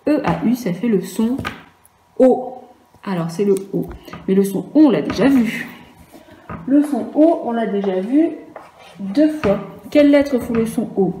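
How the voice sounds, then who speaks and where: A woman's voice, on the high side with a dark tone and lively intonation, comes a little slowly and pauses often. She's a primary school teacher patiently spelling out single letters for young children in a remote phonics class, recorded in an echoey room with faint noise.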